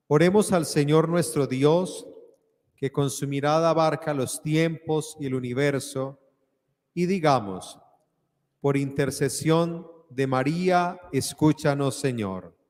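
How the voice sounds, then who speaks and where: Man, priest, solemn liturgical speech, measured declamation, medium pitch, long cathedral echo. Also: a little mellow. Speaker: priest presiding at Mass. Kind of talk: solemn liturgical homily and prayer. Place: large church, live Mass. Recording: echoey church hall with long reverb.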